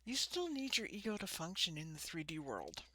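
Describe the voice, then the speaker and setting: A woman with a lisp and slushy s sounds, giving an informal spiritual talk to camera in short, halting phrases. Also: lowish voice, sing-song, bright, forceful tone, slight background noise. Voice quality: lisping, slushy sibilants from ill-fitting dentures. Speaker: host of a spiritual card-reading channel. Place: small room.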